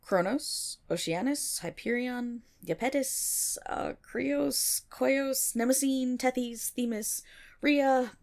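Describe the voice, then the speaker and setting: Using a high voice, a woman takes on the part of a teasing, geeky best friend in ASMR roleplay, meandering through myths. She pauses for dramatic effect and throws in wry, lively remarks, keeping the mood playful.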